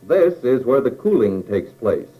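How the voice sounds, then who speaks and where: Reading scripted narration for a training film, an American man explains in a measured way with plain phrasing. His mid-range voice has a sing-song lilt and a dark tone, heard on a low-quality recording.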